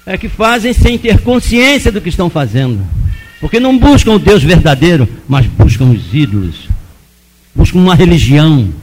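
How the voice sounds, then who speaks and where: A man's voice: on the high side, sing-song, normal speed, slightly rough, low-quality recording. Man preaching a fervent testimony. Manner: dramatic, swings between loud pleading and hushed asides. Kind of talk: emotional testimony sermon.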